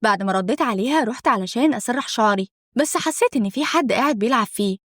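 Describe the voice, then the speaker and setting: A woman's voice: a little high, lively intonation, very fast, dry recording, clean studio sound. A young woman with an Egyptian accent narrating a first-person story in a conversational, dramatic way.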